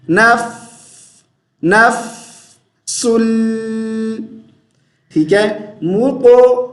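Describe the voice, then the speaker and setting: A man teaching Quran recitation and pronunciation, patiently repeating syllables slowly and chanting verses in drawn-out tones. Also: high voice, roomy sound. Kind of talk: tajweed pronunciation lesson.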